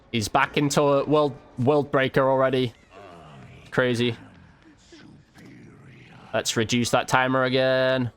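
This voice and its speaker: A man with a medium-pitched, clean voice gives casual running commentary as he plays a video game. He's a video game streamer and YouTube host, reacting with exclamations and slang in a mix of live gameplay talk and easygoing chat.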